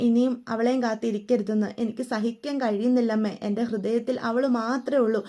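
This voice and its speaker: A woman voicing a gentle, heartbroken young man who pleads tearfully with his mother. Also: on the high side, fairly even intonation, fairly quick, lightly acted. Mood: pleading.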